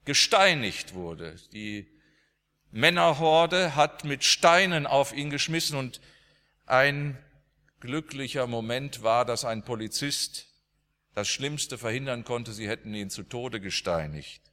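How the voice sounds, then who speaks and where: A man's voice: medium pitch, lively intonation, slow pace, bright, forceful tone. A male preacher delivering a sermon as dramatic storytelling, with emphatic swings in his voice. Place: church. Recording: long church reverb.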